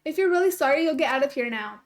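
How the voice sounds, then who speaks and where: A woman's voice: sits high, animated, quick pace. A woman voicing a cool, stern teenage girl who talks curtly and scolds. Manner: curt, scolding. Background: game music.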